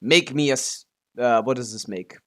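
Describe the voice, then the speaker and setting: A man with a medium-pitched voice talks at a normal speed while livestreaming a game. He chats casually as the streamer, often muttering to himself and swearing offhandedly.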